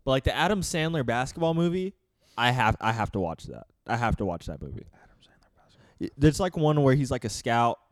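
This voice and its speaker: A young man in his twenties co-hosting a podcast, chatting casually and rambling with enthusiastic shout-outs. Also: mid-range voice, sing-song, a little fast, no room sound, studio quality. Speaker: podcast co-host. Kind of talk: casual chat.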